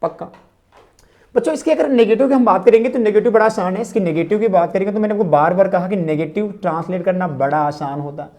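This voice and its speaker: A woman teaching a grammar lesson to students, repeating key phrases slowly and asking rhetorical questions as she explains. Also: medium pitch, warm tone.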